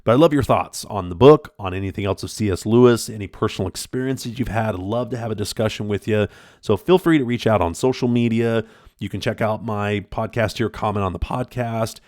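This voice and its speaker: A man's voice: fairly low pitch, a little fast, a little mellow, dry recording, clean studio sound. A man hosting his own podcast, talking through a book in an earnest, rambling way with lots of fillers and restarts. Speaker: podcast host. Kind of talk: reflective solo book talk.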